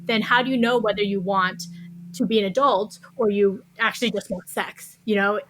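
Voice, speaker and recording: This author, a woman guesting on a podcast, explains her ideas reflectively during a thoughtful interview, frequently adding "you know" along the way. She speaks at a moderate pace with a medium-pitched, fairly bright voice, captured on a low-quality recording.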